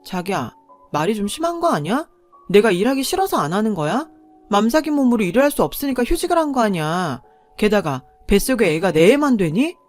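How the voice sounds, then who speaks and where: Indignant pregnant wife, woman narrator voices, mid-pitched, pushing back. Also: big pitch swings, a little fast, faint music behind, lightly acted. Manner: pleading, then indignant.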